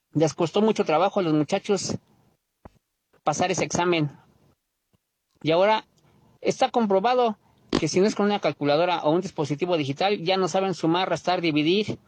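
A man with a Mexico City Spanish accent, leaving a recorded voice message for a radio show as a caller, indignant and lecturing as he repeats his points. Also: high-pitched. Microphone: phone voice note.

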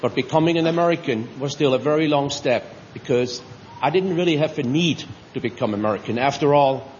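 A man's voice: mid-range voice, darkish tone, a little hiss or hum. Reflective middle-aged man from Switzerland. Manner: reflective, halting with pauses. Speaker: new citizen giving a speech. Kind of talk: personal ceremonial speech. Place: large tent at an outdoor ceremony. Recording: reverberant dull audio with faint ambience.

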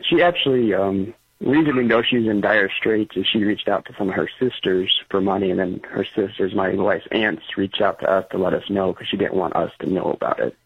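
A man calling in over a phone line, explaining his question in an earnest, halting way. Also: deep voice, breathy edge. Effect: phone line into the show. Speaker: caller. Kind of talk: call-in advice question. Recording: tinny phone line that breaks up.

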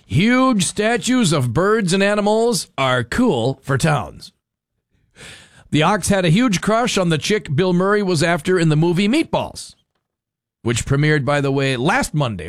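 Male talk radio host, chatty patter, slightly high voice, close dry mic. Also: no room sound. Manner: chatty, banters with callers and producer. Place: radio studio. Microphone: studio microphone.

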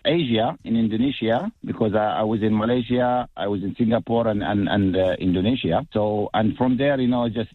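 A man's voice: on the low side, fairly quick, few pauses, no echo. A man from Morocco, calling in to a radio show by phone and talking in a hesitant way, with many fillers. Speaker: radio caller. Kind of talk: casual phone chat. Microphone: phone line. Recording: dull lo-fi phone line.

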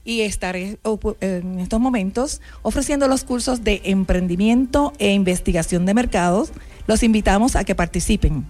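A woman from Puerto Rico with a Puerto Rican Spanish accent, a visiting business lecturer briskly inviting listeners to her courses. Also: medium pitch, darkish tone.

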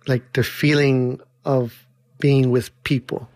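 A man's voice: medium pitch, flat delivery, a little mellow. A man who teaches and organizes dance, telling his story in an earnest, reflective interview manner. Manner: earnest, quick bursts with slow emphatic stretches.

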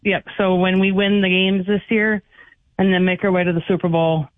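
A woman's voice: on the low side, flat delivery, normal speed, no echo. Female caller, boastful and teasing, heard over a tinny phone line. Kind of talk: call-in radio banter.

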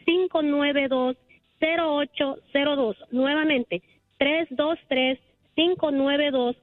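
Lady calling in to the radio, chatty and earnest, highish voice, tinny phone line. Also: fairly even intonation, slow, dry recording. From El Salvador. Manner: earnest, talkative, emotional storytelling. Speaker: caller, salon owner. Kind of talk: casual phone-in chat.

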